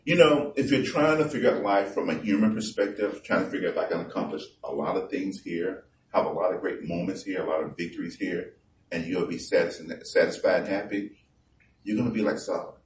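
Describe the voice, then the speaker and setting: A man preaching a conversational sermon, reading scripture slowly and with emphasis. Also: low voice, slight background noise. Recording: echoey room from far off.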